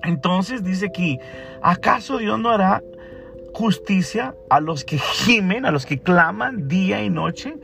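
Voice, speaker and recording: A man's voice: sits high, expressive, a little slow, vocal fry, bright, forceful tone. A man in his forties with a Mexican Spanish accent, preaching an emphatic radio sermon that repeats phrases and puts direct questions to the listeners. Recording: faint music behind the voice.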